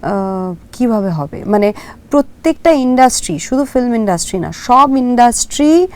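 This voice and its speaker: A woman's voice: on the high side, expressive, darkish tone. Kolkata-accented young woman, hesitant interview answers. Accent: Kolkata Bengali. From Kolkata, India. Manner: hesitant, with frequent drawn-out fillers and English words mixed in. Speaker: actress guest.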